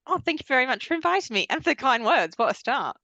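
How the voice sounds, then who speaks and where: A woman from Australia with a mostly British accent and a slight Australian trace, talking as an interview guest in a lively, self-deprecating way. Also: high voice, fast, no echo, highs cut off. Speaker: guest, energy association chief executive. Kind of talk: casual interview chat.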